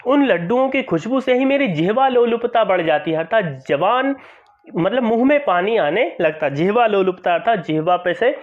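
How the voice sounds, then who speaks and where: A male teacher with a high voice walks through a school lesson, explaining each line and repeating phrases to make them clear. The recording sounds dull and lo-fi. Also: animated, normal speed.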